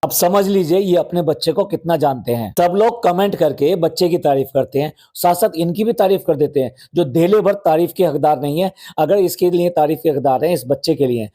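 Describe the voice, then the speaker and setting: Hosting a commentary podcast, this man has a fairly high-pitched, dark-toned voice. He sarcastically comments on vlogs, scolding and mocking the people in the videos and repeating phrases for effect.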